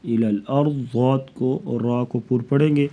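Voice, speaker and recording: A man teaching Quran recitation rules, chanting verses slowly and melodically and then explaining each rule quickly. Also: medium pitch, fairly even intonation, mellow, slight background noise. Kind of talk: tajweed lesson, slow recitation between quick explanations.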